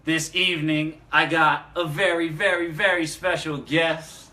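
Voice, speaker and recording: A man's voice: fairly high pitch, fairly even intonation, pushed and bright. A man hosting a casual hip-hop chat show, talking in laid-back slang. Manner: laid-back slang, slow delivery, laughs often. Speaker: show host. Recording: roomy far-off mic with faint noise.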